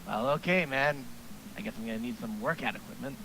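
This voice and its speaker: A man voicing a brooding teenage male demon with a pyromaniac streak, in a low, flat, menacing mutter. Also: a little fast, a little hiss or hum, low-quality recording. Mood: sullen.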